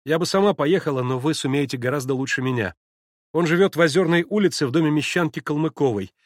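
Weary proud young woman, measured, slightly high, dry sound, man voicing. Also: dry recording, close to an everyday voice.

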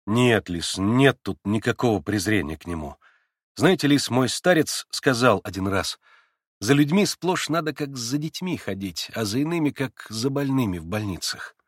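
Male reader as a soft-spoken, bashful young man, middle voice, dry sound. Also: medium pitch, lively intonation, normal speed, dry recording, close to an everyday voice. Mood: earnest. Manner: soft, thoughtful, a little bashful. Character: gentle earnest young man, sincere. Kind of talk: audiobook character reading.

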